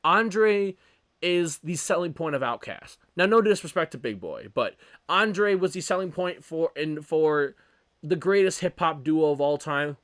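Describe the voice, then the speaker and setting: A young man hosting his own podcast, talking casually and rambling with frequent self-corrections and animated opinions. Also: a little high, measured pace, dry recording, studio quality. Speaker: podcast host. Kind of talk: casual solo podcast commentary.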